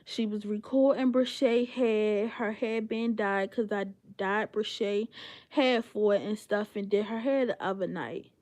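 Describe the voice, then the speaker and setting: A woman's voice: medium pitch, a little slow, a little mellow. A young woman on a livestream telling a heated story, profane and indignant, with lots of fillers.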